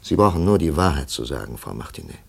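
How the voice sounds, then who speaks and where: Stern investigator in an old radio play, low gravelly voice, firm and lively. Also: male voice, exaggerated voice. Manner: firm, measured. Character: stern male investigator questioning a witness. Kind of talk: 1950s radio drama acting.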